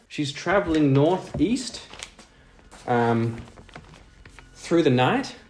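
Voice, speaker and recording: Here the solo role-playing show host has a mid-range, slightly mellow voice. He weaves narrated story together with relaxed musings about the game, thinking aloud mid-play and poking fun at himself along the way.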